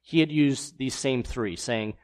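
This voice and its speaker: A man's voice: mid-range voice, unhurried. A man teaching a Bible passage in a sermon, explaining verses and reading them aloud with fillers between thoughts.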